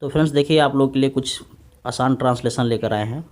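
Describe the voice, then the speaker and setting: A man gives an English grammar lesson in Hindi for exam students. He dictates English sentences slowly and often checks in with his students. His voice sits at an ordinary mid pitch. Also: a little mellow. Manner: repeats tag questions to students. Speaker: English teacher.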